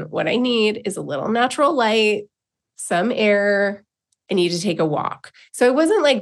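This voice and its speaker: A woman's voice: medium pitch, gravelly. A woman giving a reflective personal monologue as a self-help host, speaking informally and encouragingly to her listeners.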